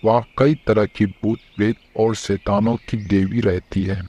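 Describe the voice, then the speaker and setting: A man voicing a calm, wise old holy man in a cartoon story, speaking reassuringly. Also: on the low side, unhurried, a little hiss or hum, lightly acted. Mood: solemn. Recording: dull lo-fi sound.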